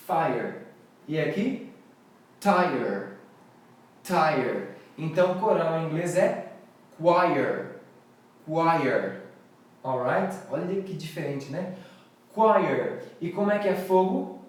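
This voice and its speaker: Echoey Brazilian teacher drilling pronunciation. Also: male voice, sits high, animated, normal speed, a little mellow, distant mic. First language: Portuguese. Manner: playful, repeats words for students to echo. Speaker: English teacher. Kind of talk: live online English pronunciation lesson.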